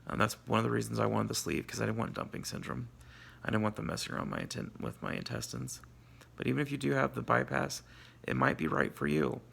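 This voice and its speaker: Groggy, gravelly man, post-surgery. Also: medium pitch, lively intonation, fast talker, a bit bright, a little hiss or hum. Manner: candid, self-deprecating, salty-tongued. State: groggy, sore after surgery. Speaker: vlogger. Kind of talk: casual confessional video diary.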